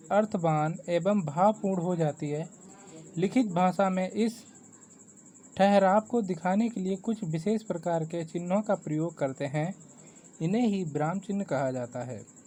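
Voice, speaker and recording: Man, grammar lesson, mellow voice, steady explaining, faint background noise. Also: high-pitched. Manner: reads definitions steadily, counting items off with English ordinals. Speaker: exam-prep teacher.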